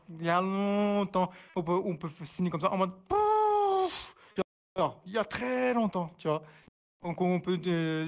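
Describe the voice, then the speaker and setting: A man teaching a sign language class online, hesitant, full of fillers and restarts, repeating each word as he signs it. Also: fairly high pitch. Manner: repeats each word slowly while signing. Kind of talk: live online class explanation.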